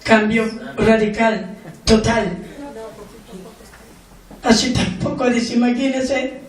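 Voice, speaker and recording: A woman pastor preaching a sermon, slow and emphatic, asking the congregation questions again and again. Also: fairly high pitch. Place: church hall. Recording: echoey church room from far off.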